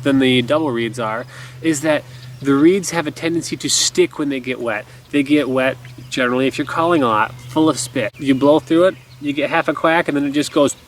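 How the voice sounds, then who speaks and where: A man in his thirties talks through a hands-on lesson in an easygoing, explanatory way. His pitch is average and his delivery casual. He is recorded outdoors on a camera a few feet away, with light background noise and ambience. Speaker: duck call instructor. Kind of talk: casual instructional talk. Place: outdoors in a garden by woods.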